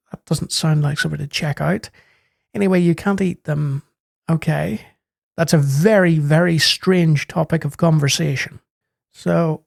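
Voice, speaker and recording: A man's voice: a little high, creaky, darkish tone, no echo, clean studio sound. A man hosting a retro game show, giving casual gameplay commentary in a wry, joking way and reading the game's text aloud.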